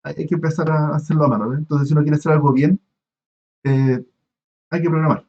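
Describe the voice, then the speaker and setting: Guy lecturing on a muffled online call, lots of eh and restarts, slightly high voice. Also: fairly even intonation, warm tone. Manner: halting, many restarts and fillers, asks students questions. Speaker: university lecturer.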